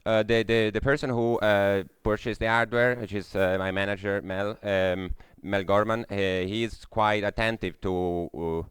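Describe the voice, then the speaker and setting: Hesitant and full of fillers, a young man from Italy presents a technical talk in a lecture room, frequently stopping on "uh" and starting his sentences over. His smooth, clear voice sits low and deep, with fairly even intonation. The audio is close and dry, with no room sound.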